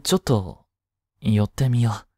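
An amateur voice-drama actor performs a scene from a Japanese romantic voice drama, playing a flustered teenage boy jealous over his childhood friend. His voice sits on the low side, slightly slow and mellow, as he mutters to himself in a boyish, hesitant way, sounding distracted and brooding. The recording is dry with clean studio sound.

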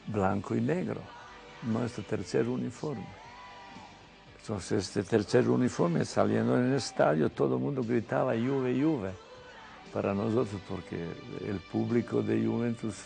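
A man who played on the national team, recounting his memories as a guest on a TV talk show in a measured, step-by-step way. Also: mid-range voice, gravelly, warm tone.

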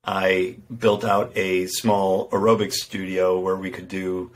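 The voice is deep and slow, with little pitch movement: a middle-aged fitness entrepreneur appearing as a podcast guest. Casual and earnest, he tells his business story with frequent restarts and self-deprecating remarks. He's recorded at home in a room with a window, using a studio microphone in front of him.

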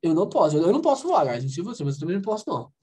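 Casting: woman from Brazil, English teacher on a video call, animated pitch, a bit husky, coaxing the class. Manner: lively, coaxing, asks the class questions and drills phrases slowly. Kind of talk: online class explanation.

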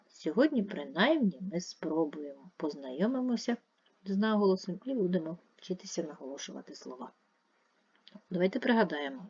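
A woman's voice: fairly low pitch, warm tone, lo-fi sound. A woman teaching a video lesson for young children, dragging out syllables to show where the stress falls. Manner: clear, drawn-out stressing of syllables. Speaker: primary school teacher.

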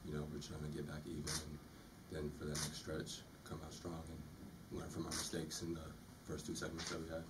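Very deep-voiced young man, flat and quick. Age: young adult. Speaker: college basketball player. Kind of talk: postgame press conference answers. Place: press room. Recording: distant mic with loud room noise.

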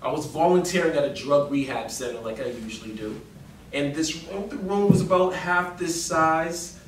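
Guy giving a speech to a crowd, fairly high voice, dramatic storytelling, picked up from across an echoey room. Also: normal speed. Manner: animated, dramatic storytelling with emphatic rises. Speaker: public speaker. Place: meeting room before an audience. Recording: roomy hall sound from a distant mic with faint noise.

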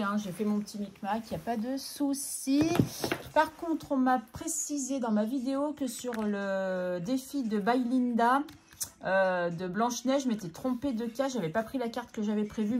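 A woman vlogging casually as she sorts her budget, chatting to herself and counting out loud. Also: fairly high pitch, moderate pace, slight background noise. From France. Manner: talks to herself, scolds herself by name, counts aloud. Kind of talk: casual chatty talk to camera while counting money.

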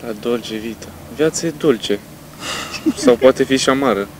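A man, a footballer, joking in a casual group interview and reading out words loudly. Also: mid-range voice, slight background noise, rough recording.

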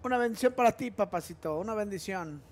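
A man's voice: high voice, lively intonation, fast talker. A man with a Mexican accent doing casual, slangy esports commentary with joking banter. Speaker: esports caster.

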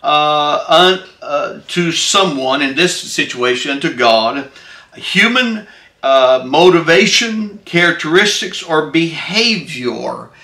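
Slow bright-voiced male preacher, echoey room. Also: a little high, animated. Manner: halting delivery with frequent filler sounds and repeated phrases; emphatic declarations. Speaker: preacher teaching a Bible study. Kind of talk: Bible study sermon. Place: church.

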